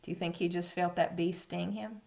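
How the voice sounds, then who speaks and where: A woman's voice: fairly low pitch, steady tone, normal speed, gravelly, a little mellow. A woman reading a storybook to small children, as to a toddler, expressively, with simple coaxing questions to the listeners. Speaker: teacher reading a picture book to young children.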